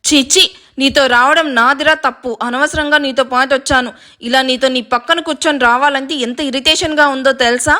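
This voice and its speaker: A woman plays a cheeky, irritated young woman in a read-aloud story. She argues and pleads in a high, bright voice, quick to take offence. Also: steady tone. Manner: pleading, argumentative.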